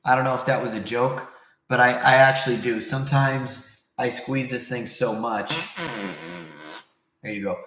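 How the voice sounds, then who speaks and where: A man's voice: medium pitch, steady tone, a little slow, noisy background. A man hosting a casual livestream, rambling conversationally as he answers viewers, recorded in a very echoey room. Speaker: livestream host.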